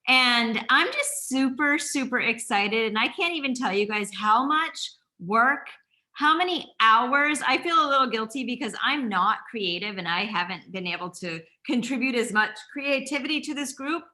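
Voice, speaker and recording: Woman from maine, talks super fast, gushy, a bit high, on a video call. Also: expressive, sharp tone. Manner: fast-talking and effusive. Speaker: panelist.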